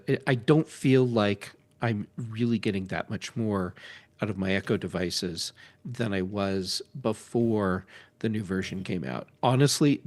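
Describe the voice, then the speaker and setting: A man's voice: lowish voice, a little mellow. A man on a tech podcast panel chatting casually and candidly, with a griping way of talking.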